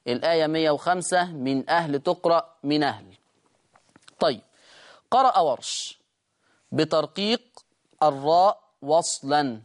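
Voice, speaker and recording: A recitation teacher with an Egyptian Arabic accent giving a lesson, stretching words slowly and checking in with listeners. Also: mid-range voice.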